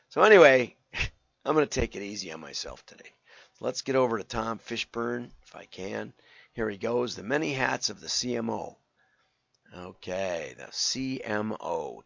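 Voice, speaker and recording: An older man who has partly lost his voice, hosting a casual talk in a hoarse, rambling, wry way. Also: fairly low pitch, a bit bright. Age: older, 60s or above. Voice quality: hoarse, gravelly. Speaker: host and direct marketing consultant. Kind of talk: casual solo show talk with commentary. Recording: roomy, slightly dull lo-fi sound.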